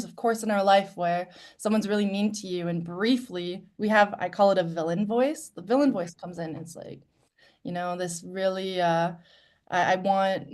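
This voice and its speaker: Earnest, reflective woman guest. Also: mid-range voice. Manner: earnest and reflective, loudness rising and falling. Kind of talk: candid live-stream conversation.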